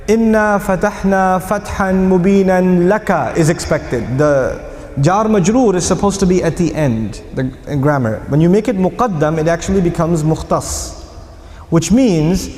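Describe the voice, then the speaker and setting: A man giving an emphatic, animated Qur'an lecture with storytelling, in a mosque or lecture hall. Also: a little high. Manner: animated, emphatic, acting out quotes. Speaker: Islamic lecturer. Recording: echoey hall, faint noise.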